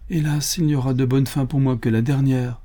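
A man's voice: medium pitch, steady tone, brisk, mellow, pitched above the performer's own voice, close to an everyday voice. A man reading a storybook voices a poor, devout peasant mother who sighs and pleads in distress. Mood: sorrowful. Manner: pleading and tearful.

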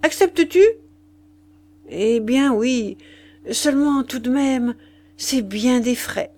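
A woman's voice: high voice, slow, darkish tone, pitched above the performer's own voice. A woman voicing a timid, bewildered poor peasant father who frets and complains, in an audiobook reading. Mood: reluctant. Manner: plaintive, fretful.

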